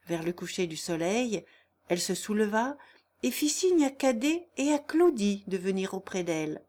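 A woman reading a classic novel aloud in a slow, measured, even voice. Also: mid-range voice. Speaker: audiobook reader. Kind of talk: scripted narration of a classic novel.

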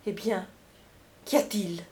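A woman's voice: medium pitch, steady tone, takes it slowly, dark tone, close to an everyday voice. A woman voicing a tender, scheming young courtesan in an audiobook reading, in a coaxing, intimate way.

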